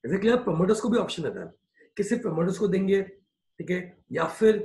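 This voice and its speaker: A man teaching a class in Hindi with plenty of English mixed in, his voice sitting fairly high for a man. He slows down to dictate points word by word and keeps asking whether it is clear. The room around him is echoey. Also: lively intonation, darkish tone. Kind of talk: classroom lecture.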